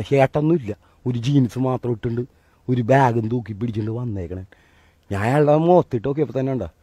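A man's voice: mid-range voice, dry recording. Emotional male motivational storyteller. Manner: emotional delivery that swings between loud and hushed; animated and colloquial. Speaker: motivational speaker. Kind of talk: personal storytelling talk.

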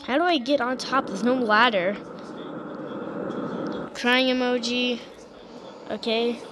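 Casting: woman gamer, slightly high voice, hushed and slow, on a noisy track with clicks. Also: fairly even intonation. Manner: hushed, half-whispered talk. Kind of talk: gameplay commentary.

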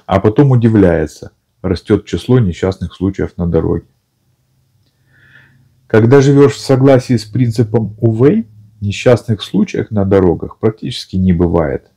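A man narrating an audiobook in a calm, even storytelling manner. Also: fairly low pitch, moderate pace, slightly rough. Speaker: audiobook reader.

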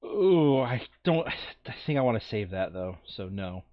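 Very animated yet measured in pace, a man with a lowish voice reads enemy turns aloud in a casual tabletop game, insisting on how the rules work as he teaches them. No room sound comes through, and the lo-fi recording is dull.

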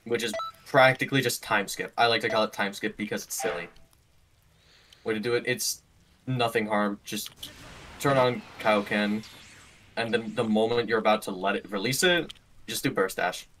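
A man with a fairly low voice walks his friends through a game's combat moves over voice chat. He jokes and swears freely, with a loose, offhand delivery and a faint hiss of noise behind him. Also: moderate pace, a bit bright, distant mic. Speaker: game player explaining combat mechanics. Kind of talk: casual voice-chat tutorial.

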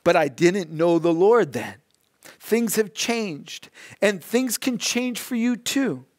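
A man's voice: sits high, lively intonation, slow pace, voice pushed up. A man reading aloud as a devout great-aunt who patiently presses her faith on a young relative. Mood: pleading. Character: devout Italian great-aunt, gently insistent.

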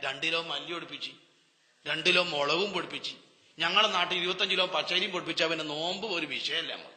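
Preacher, man, bright ringing voice, slightly high, hall reverb. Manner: storytelling preaching with rhetorical questions, swinging between loud and hushed. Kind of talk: Ramadan sermon.

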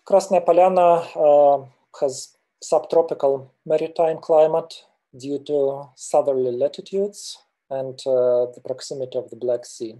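A middle-aged man from Russia, a mountain guide presenting slides on a webinar over a webcam, speaking hesitantly with many filler pauses. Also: fairly high pitch, fairly even intonation, dark tone. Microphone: video call webcam.

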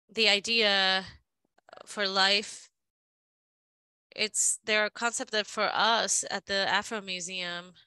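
A woman giving a live interpretation of a panel discussion, halting and often restarting her phrases. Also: mid-range voice, pushed and bright, clear, resonant tone, dry recording, rough recording.

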